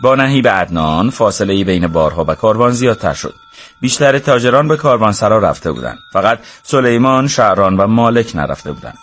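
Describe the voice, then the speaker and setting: A man narrating a storybook in an even, measured way. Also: on the low side.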